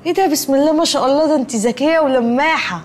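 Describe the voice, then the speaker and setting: A woman's voice: sits high, rapid-fire, slight background noise, natural voice. An actress playing a pushy, talkative young woman with an Egyptian accent who wheedles for favors, in a film comedy. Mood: wheedling.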